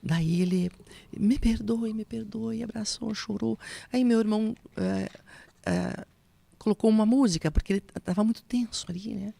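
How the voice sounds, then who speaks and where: Gravelly woman telling a heartfelt testimony. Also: medium pitch, sing-song, moderate pace, dry recording. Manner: emotional, drops to soft whispers when recounting quotes; preaching tone on spiritual points. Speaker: guest giving testimony. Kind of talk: personal testimony storytelling.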